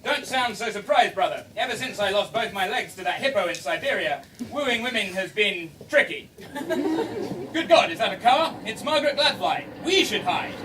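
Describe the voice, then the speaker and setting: A man's voice: high-pitched, expressive, moderate pace. A man playing a pompous, scheming aristocratic thief, in a distant stage recording with background noise.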